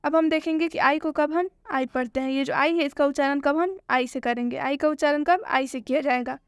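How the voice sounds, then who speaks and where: A woman gives a spoken English lesson. She asks questions and answers them herself, and she repeats each point slowly. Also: sits high, steady tone, no echo, clean studio sound. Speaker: English teacher.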